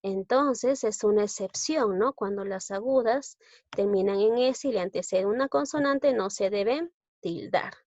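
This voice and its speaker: Slow, patient woman teaching a lesson. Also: mid-range voice, a little mellow, no room sound. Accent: Peruvian Spanish. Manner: patient, explains step by step with frequent tag questions. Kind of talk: recorded online grammar lesson. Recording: dull lo-fi recording.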